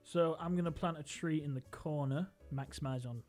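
A man's voice: fairly high pitch, moderate pace, a little mellow. A man bantering playfully while playing a game with a friend. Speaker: co-host. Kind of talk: casual gameplay chat. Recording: light background music.

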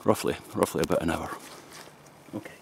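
Scottish man, 50s, shaving vlogger, joking casual chat outdoors in the woods, slightly low voice. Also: brisk, creaky, background noise. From Scotland. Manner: chatty, joking asides, laughs often. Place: forest outdoors. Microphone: camera close up at arm's length.

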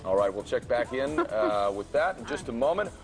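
A man anchoring a news segment, chatty and playful with his guest, with a husky voice. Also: mid-range voice, expressive, normal speed, over music. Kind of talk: morning news studio chat.

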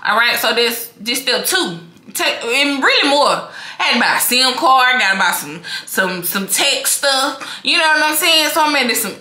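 A young woman with a Mississippi Southern accent, talking casually and confidently to camera in a vlog, with a big, animated personality. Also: on the high side, echoey room. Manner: big, animated and confident, talks straight to viewers. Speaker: vlogger.

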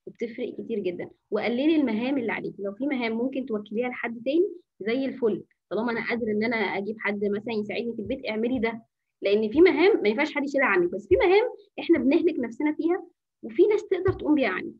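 A woman's voice: a little high, animated, racing, husky, muffled recording. A woman teacher with an Egyptian Arabic accent giving an informal anger-management workshop. She coaches her listeners, asks rhetorical questions and answers them herself, and drops in English phrases. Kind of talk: informal online workshop talk.

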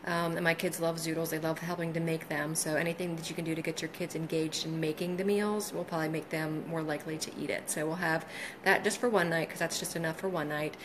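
A woman's voice: low voice, little pitch movement, fast talker, background noise. A woman in her forties, chatty and full of ums, talking viewers through her meal prep in a home kitchen on a handheld phone. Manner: chatty, friendly, many ums, talks to viewers. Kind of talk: casual live video walkthrough. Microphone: phone held in hand.

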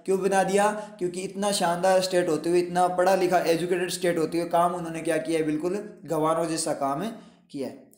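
This English teacher's high voice moves fast, with little pitch variation and a slightly mellow quality. He runs an exam lesson in a Hindi-English mix, stepping through every option and peppering students with rhetorical questions, all echoing hollowly off bare walls.

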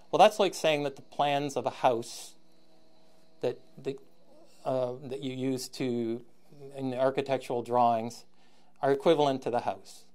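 Man lecturing, halting with restarts. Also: medium pitch, steady tone, darkish tone. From Canada. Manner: thinking aloud with frequent restarts and throat clearing. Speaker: university lecturer. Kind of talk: recorded lecture.

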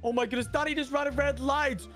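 Guy doing a super high excitable baby voice, game roleplay, jumpy. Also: fast talker, faint music behind. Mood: alarmed. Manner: breathless, easily alarmed exclamations. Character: excitable baby boy, big brother. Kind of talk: game role-play.

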